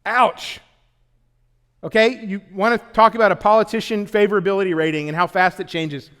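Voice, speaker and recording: A man preaching a sermon in a conversational, joking way, with sudden loud bursts. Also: high-pitched, fast talker, smooth, in a large hall. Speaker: pastor. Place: church auditorium.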